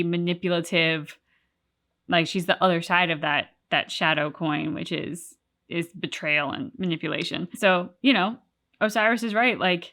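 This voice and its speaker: A woman co-hosts a game reaction channel in a lowish, sharp-toned voice, reacting to game cutscenes in a casual discussion. She is reflective, thoughtful, and analytical, using "like" as a frequent filler.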